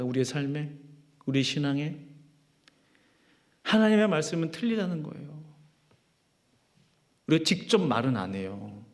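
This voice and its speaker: A man's voice: on the high side, darkish tone. A man preaching a sermon as pastor, emphatic and full of rhetorical questions. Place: church sanctuary.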